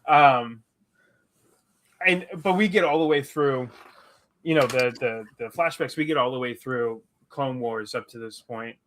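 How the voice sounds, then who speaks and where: Male podcast co-host, casual and animated, rambling delivery. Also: mid-range voice, unhurried. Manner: animated, rambling with restarts, acts out quotes. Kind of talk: casual recap chat.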